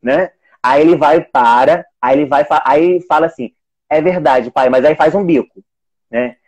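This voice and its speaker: A man's voice: fairly high pitch, moderate pace, a little mellow. A man talking casually in a live video chat as an adoptive single father, rambling with many restarts. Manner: rambling, many restarts, quoting his own talks with his son. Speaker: teacher of young children.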